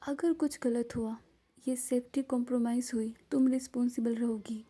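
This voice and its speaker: A woman's voice: a little high, steady tone, moderate pace, warm tone, slightly rough. A woman voicing a strict, irritable middle-aged father who talks in a stern, curt way.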